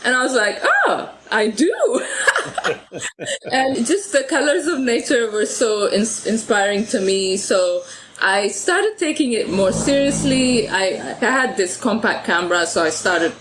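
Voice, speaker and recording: A woman's voice: fairly high pitch, expressive, unhurried, a bit bright, a little hiss or hum, poor audio. A woman from Ethiopia, a photographer guest on a podcast, talks casually and laughs often, restarting her sentences. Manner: chatty, laughs often, repeats words when starting sentences. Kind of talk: casual interview chat.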